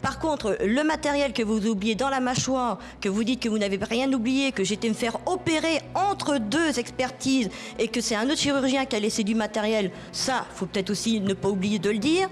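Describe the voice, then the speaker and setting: A woman's voice: fairly high pitch, normal speed, few pauses. A woman giving confrontational personal testimony as an aggrieved patient, insistent and accusing in manner. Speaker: patient telling her grievance.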